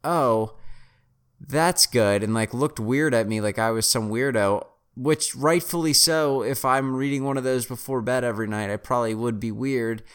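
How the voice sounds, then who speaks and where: A man's voice: medium pitch, steady tone, normal speed, few pauses, clear, resonant tone. A man in his twenties casually telling a story about reselling garage-sale finds, rambling with restarts and wry self-mocking humor. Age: 20s. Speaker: reseller vlogger.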